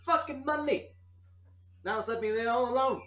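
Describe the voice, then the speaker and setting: Man doing a high, loud, bratty little adventurer. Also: fairly quick, far from the mic. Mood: indignant. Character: small, bratty, easily provoked foul-mouthed male adventurer. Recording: roomy echo, faint noise.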